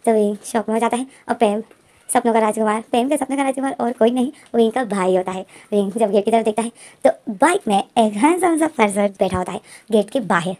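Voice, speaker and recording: Woman narrating a fanfic story super fast, chatty and loose, soft mellow voice, a bit high. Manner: chatty, full of fillers and restarts. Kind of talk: casual spoken retelling of a fan fiction.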